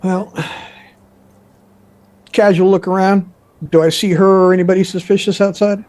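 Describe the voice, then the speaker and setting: A man playing a tabletop game, chatting casually in a halting, offhand way. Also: high voice, flat delivery, darkish tone.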